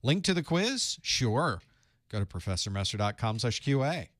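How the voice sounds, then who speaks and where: A man talks loosely and warmly to his live chat, greeting viewers and thinking aloud as he gets his setup running. His voice sits at a middle pitch. The sound is dry and close, with no room echo. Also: very animated, moderate pace. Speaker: instructor hosting a live study stream. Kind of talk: casual live-stream chat.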